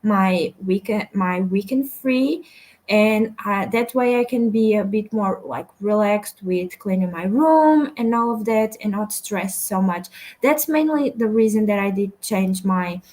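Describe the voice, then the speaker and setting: A woman's voice: medium pitch, measured pace, darkish tone, rough recording. A young woman from Portugal hosting a casual livestream, chatting and reading viewer comments aloud with many fillers. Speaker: livestream host. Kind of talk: casual chat while reading chat messages.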